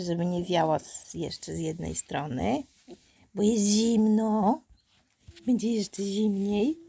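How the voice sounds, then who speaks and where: Slow, cooing woman with gravelly lows. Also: a little mellow. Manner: cooing, affectionate baby-talk to the puppies, often dropping to a whisper. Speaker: dog breeder. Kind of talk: casual talk to her puppies on camera. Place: indoors at a puppy pen.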